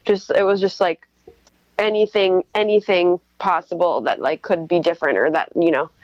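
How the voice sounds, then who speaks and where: A young woman comes through on a telephone line, the sound muffled and dry with no room around it. Her voice sits fairly low for a woman. She answers interview questions in a chatty, quick way, scattering fillers as she goes. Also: dry recording. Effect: heard over the phone. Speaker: guest musician.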